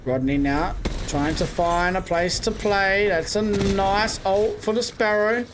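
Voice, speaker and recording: A young esports caster with a high-pitched, steady voice runs quick, casual play-by-play on a live match, tossing in offhand asides. There is noise in the background.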